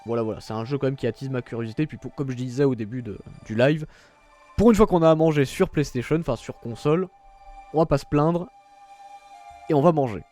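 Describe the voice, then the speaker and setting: A man's voice: mid-range voice, brisk, a little mellow, soft background music. Chatty gamer guy, darkish voice. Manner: chatty and rambling, self-mocking asides; reads game menus and text aloud. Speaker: streamer playing a video game. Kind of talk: casual gameplay commentary.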